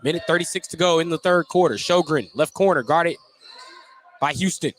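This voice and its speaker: A man's slightly high, fairly bright voice carries live basketball play-by-play for radio at a normal pace. He's courtside in an indoor gym, where gym noise and a bouncing ball fill the background.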